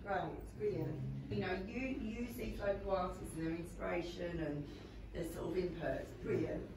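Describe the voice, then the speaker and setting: A woman's voice: on the low side, normal speed, creaky. A woman thanking an artist enthusiastically. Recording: very echoey, distant, loud noise.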